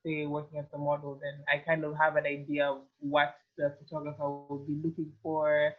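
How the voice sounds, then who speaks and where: This low-voiced Ugandan woman in her twenties speaks fairly quickly with a completely flat delivery. As a fashion model interviewed casually, she rambles and says "like" constantly, all through thin, phone-quality sound.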